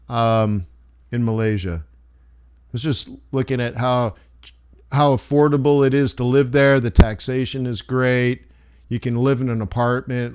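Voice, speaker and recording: A man hosting a live trading stream, chatting casually with viewers in a rambling, loose and friendly way. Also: mid-range voice. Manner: rambling, loose and chummy, many restarts. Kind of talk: casual livestream chat answering viewers.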